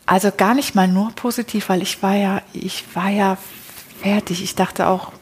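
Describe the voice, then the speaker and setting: A woman's voice: medium pitch, fairly even intonation, moderate pace, darkish tone, slight background noise. Chatty woman telling her story. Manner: chatty, frequent tag questions and self-restarts. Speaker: interview guest. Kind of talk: casual personal storytelling.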